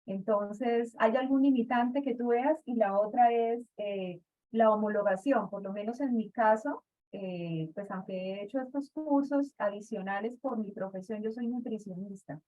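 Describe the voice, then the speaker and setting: Woman asking a question on a video call, kinda high, soft mellow tone, lots of eh, muffled audio. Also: normal speed. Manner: hesitant, many "eh" fillers. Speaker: seminar participant asking a question.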